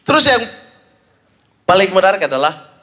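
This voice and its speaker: A young man doing stand-up comedy, telling stories with animated acted-out voices. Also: normal speed. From Papua, Indonesia. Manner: animated storytelling, acts out high shouted voices of fans. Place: stage before a live audience.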